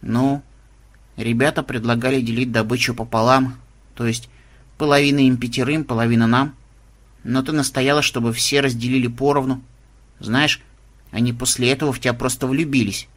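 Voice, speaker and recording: A man voicing an excitable, whiny young girl adventurer in a storybook, with high loud squeals and whimpers. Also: moderate pace, close to an everyday voice. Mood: glum, apologetic.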